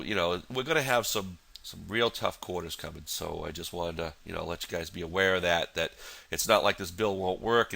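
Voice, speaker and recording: A deep-voiced man with a bright, forward edge to his tone, sounding stuffed up and nasal from a cold. He talks through his trades in a loose, rambling way, full of "you know" and restarts. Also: vocal fry. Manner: rambling, many fillers and restarts. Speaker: futures trader. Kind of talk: casual market analysis walkthrough.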